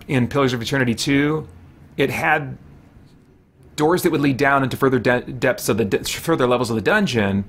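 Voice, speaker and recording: This game streamer, a man in his forties, has a mid-range voice that's a bit bright. He casually narrates his livestream over game music, playfully addressing himself, his characters and his viewers.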